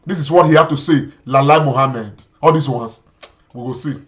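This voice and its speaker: A man's voice: medium pitch, normal speed, a bit bright. A man with a Nigerian accent hosting a show, giving indignant political commentary, repeating himself and slipping into Pidgin. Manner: indignant, repetitive, mixes in Pidgin. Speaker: host.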